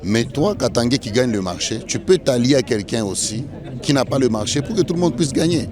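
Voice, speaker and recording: A man's voice: medium pitch, expressive, fairly quick, crowd noise. Guy talking earnest after a conference, mid voice. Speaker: conference attendee. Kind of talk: interview.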